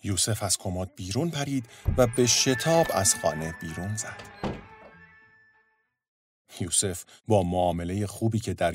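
A man narrating a story in a steady, measured storytelling voice. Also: low voice, no echo.

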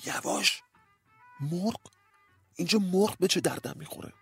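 A man voicing a naked lover hiding in a wardrobe, flustered and pleading for quiet. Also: mid-range voice, very animated, creaky, slightly rough, faint music behind, full character voice.

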